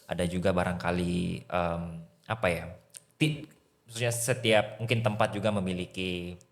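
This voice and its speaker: Deep-voiced Indonesian podcast host. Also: male voice, fairly even intonation, moderate pace. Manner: affirming, hesitant questions with fillers. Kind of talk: podcast interview.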